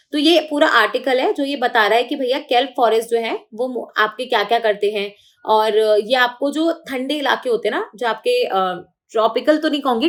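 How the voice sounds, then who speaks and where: A woman teaching an exam prep lecture, explaining in a chatty way and often checking that her students follow. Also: high-pitched. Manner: explains in Hindi mixed with English terms, checks understanding often. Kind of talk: online lecture.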